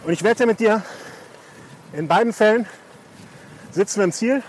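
Brief: higher-voiced male rider, joking banter, rainy outdoor noise. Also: normal speed, low-quality recording. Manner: joking, laid-back banter. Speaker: experienced gravel rider. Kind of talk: casual chat while cycling. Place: outdoors on a group bike ride in rain. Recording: loud outdoor wind, rain and traffic noise.

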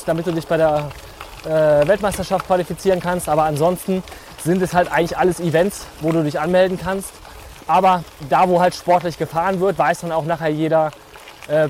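Brief: higher-voiced male expert explaining calmly, faint outdoor noise. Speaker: gravel and road cycling expert. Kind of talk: explaining while cycling. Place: outdoors on a group bike ride.

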